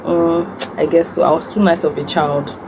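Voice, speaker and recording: A woman's voice: low voice, level tone, moderate pace, creaky, noisy background. A young woman with a Nigerian accent chats casually and tells stories while eating, answering questions as a food vlogger. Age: young adult. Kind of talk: casual mukbang chat, storytelling and answering questions.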